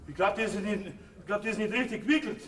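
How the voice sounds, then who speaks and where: An actor with a Bavarian accent playing a grumpy, hungover middle-aged husband in a folk theater comedy. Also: male voice, sits high, fast talker, crowd noise, close to an everyday voice. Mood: grumbling. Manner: gruff, grumbling. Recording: distant stage recording, roomy hall.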